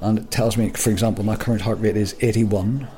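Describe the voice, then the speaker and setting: On the low side and dark in tone, this man's voice is steady and brisk as he co-hosts a podcast. He chats casually and jokes around, frequently stammering and starting his sentences over.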